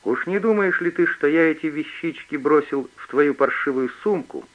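A man's voice: on the high side, moderate pace, voice pushed up, natural voice. A man reading an audiobook, voicing a cruel young thief who sneers and hisses threats, on a muffled recording. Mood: menacing. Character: menacing young male Berlin thief, mocking and cruel.

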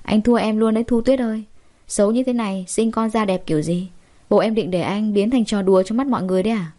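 A woman's voice: mid-range voice, fast talker, warm tone, lightly acted. Sneering rich young man, as a woman reads him. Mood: scornful. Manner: sneering, rude.

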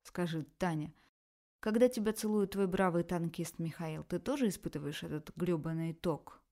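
A woman's voice: on the low side, normal speed, dark tone, close to an everyday voice. A heated, passionate man, as a woman narrator reads him, the heroine's former lover in an erotic audiobook. His lines come in her own voice, intense and raised, pressing hard.

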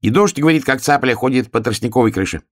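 A man voicing a naive, chatty little hedgehog in a storybook reading, raised and insistent, with a husky voice. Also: mid-range voice, expressive, fast, pitched above the performer's own voice, close to an everyday voice. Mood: excited.

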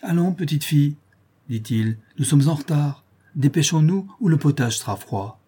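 A man's voice: on the high side, expressive, normal speed, mellow, breathy edge, voice pushed up. A man voicing a fussy older uncle who is a retired teacher and fond of his food, speaking plaintively. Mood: brisk.

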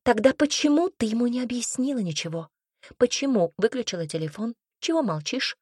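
A woman's voice: on the high side, expressive, brisk, slightly rough, no echo, studio quality. A woman voicing a blunt, scolding young woman friend. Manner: sharp, reproachful, mocking.

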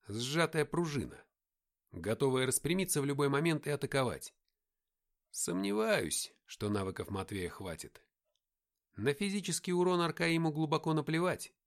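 A man reading a first-person audiobook in an expressive storytelling manner. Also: a little high. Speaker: audiobook narrator.

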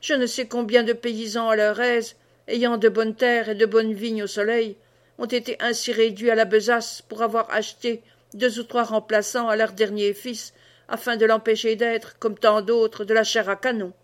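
A woman voicing a sharp-tongued, scornful peasant mother who scolds quickly. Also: on the high side, level tone, lightly acted.

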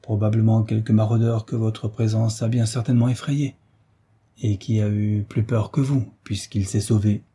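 A man voicing a bold, quick-tempered young hero giving orders in an audiobook reading. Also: fairly low pitch, flat delivery, mellow, breathy edge. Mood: calm.

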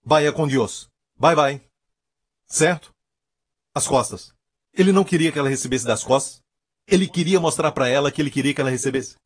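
A man's voice: fairly high pitch, normal speed, pauses often, breathy edge, dry recording, clean studio sound. A man preaching a sermon as pastor, emphatic and repeating his key phrases.

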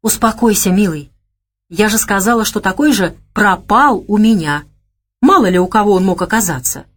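A woman's voice: normal speed, lightly acted. Lady reader doing a coy teasing young gal, sly and stubborn, voice bounces around a lot. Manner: teasing, coy, high and lively.

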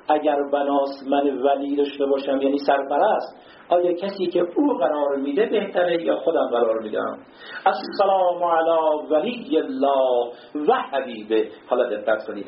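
Man preaching, emphatic, slightly high voice, chants phrases slowly, echoey dull lo-fi recording. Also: a little hiss or hum. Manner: emphatic, rising and falling, slows to chant Arabic phrases. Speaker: cleric giving a religious talk. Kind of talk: sermon.

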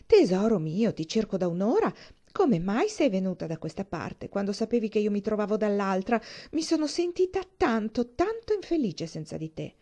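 A woman's voice: medium pitch, very animated, normal speed, mellow. A woman reading aloud and voicing a gushing, theatrical young woman in an audiobook. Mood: effusive.

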